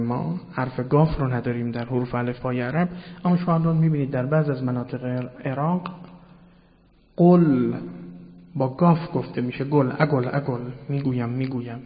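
A man giving a religious lecture, explaining word meanings patiently and addressing his listeners politely, often repeating key terms. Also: mid-range voice. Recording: dull sound with long hall reverb.

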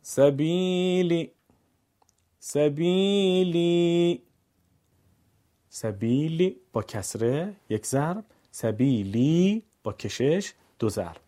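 Male Quran teacher, warm low-bright tone, patient lesson delivery, stretches syllables in drills. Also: sing-song. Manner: stretches example syllables slowly and chants them. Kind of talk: recorded lesson, calm explaining with drawn-out drills.

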